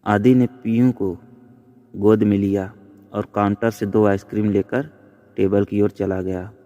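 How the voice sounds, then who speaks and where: A man narrating a scripted story in a measured, plain storytelling manner. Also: lowish voice, steady tone, mellow, lo-fi sound. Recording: long reverb.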